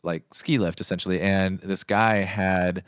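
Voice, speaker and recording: A man's voice: low voice, steady tone, a little slow, clear, resonant tone, dry recording, studio quality. A young man co-hosting a casual chat, telling travel stories in a laid-back way and swearing casually. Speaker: podcast co-host.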